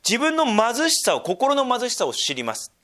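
A man giving a sermon, moving between quiet, low asides and emphatic, slow readings of scripture. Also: huge pitch swings. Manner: wide swings between hushed asides and emphatic raised reading; slows down to read scripture deliberately. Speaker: pastor.

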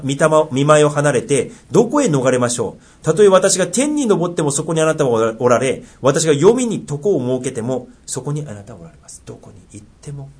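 A middle-aged man with a Tohoku accent preaching a sermon, earnest, asking rhetorical questions and dropping into soft asides. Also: mid-range voice, slightly rough. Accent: Tohoku dialect. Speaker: pastor.

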